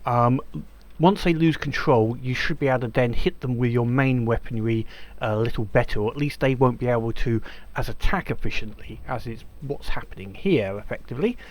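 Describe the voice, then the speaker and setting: A man's voice: mid-range voice, brisk. A man giving casual let's-play commentary, chatty and hesitant with many ums and restarts. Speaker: gameplay commentator.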